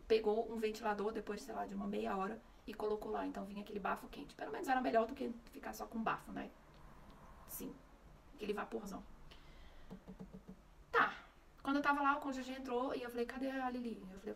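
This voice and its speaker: A young woman from Brazil, a vlogger with a Brasília Portuguese accent, tells a personal story to camera in a candid, conversational manner, acting out the dialogue. Her mid-range voice is creaky. She is far from the mic, with slight background noise.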